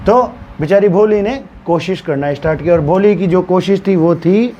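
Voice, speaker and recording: A man's voice: sits high, moderate pace, mellow, highs cut off, slight background noise. A male teacher retelling a story for students, acting out the characters' stammering and dialogue as he explains.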